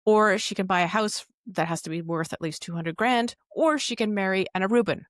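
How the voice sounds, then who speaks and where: A woman talks fairly quickly in a mid-range voice, captured with clean studio sound and no room noise. As a podcast co-host, she casually recaps and explains what she looked up in detail.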